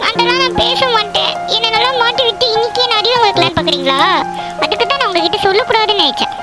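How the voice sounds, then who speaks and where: A woman voicing a shy, anxious young woman in love in a cartoon love story, soft-spoken and pleading. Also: very high-pitched, very fast. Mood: flustered. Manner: tearful then flustered pleading. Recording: loud background music over dialogue.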